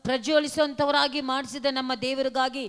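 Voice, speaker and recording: Flat, high-voiced sermon interpreter. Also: male voice, moderate pace. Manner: echoes each phrase right after the preacher.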